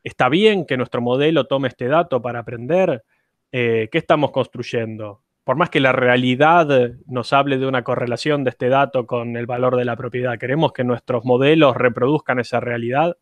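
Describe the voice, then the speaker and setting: A man's voice: medium pitch, normal speed, no room sound. A man teaching an online university class, explaining step by step and putting questions to his students. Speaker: university lecturer.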